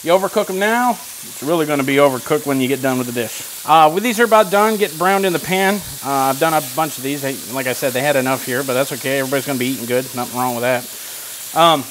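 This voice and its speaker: A man's voice: mid-range voice, quick pace, fairly bright tone, a little hiss or hum. A man hosting a casual cooking show from a home kitchen, explaining each step with joking asides. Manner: chatty, joking asides while explaining steps.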